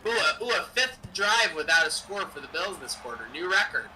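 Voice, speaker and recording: A man's voice: high voice, animated, brisk, sharp tone, distant mic, slight background noise, low-quality recording. A young man co-hosting a game-sim stream, chatting casually and jokily while dropping in play-by-play calls. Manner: chatty, jokey, drops game calls between stories. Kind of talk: casual chat and play-by-play over a simulated football game.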